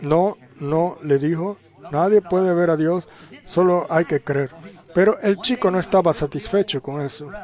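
A male preacher with a fairly high voice delivers a sermon at an unhurried, deliberate pace. He stops between phrases and keeps turning to the congregation with rhetorical questions. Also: a little mellow. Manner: unhurried, with drawn-out pauses. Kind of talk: sermon storytelling.

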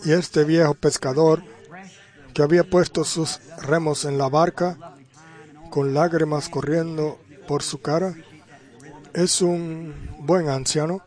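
A male preacher with a fairly high voice delivers a sermon at an unhurried, deliberate pace. He stops between phrases and keeps turning to the congregation with rhetorical questions. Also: fairly even intonation, darkish tone. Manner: unhurried, with drawn-out pauses. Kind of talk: sermon storytelling.

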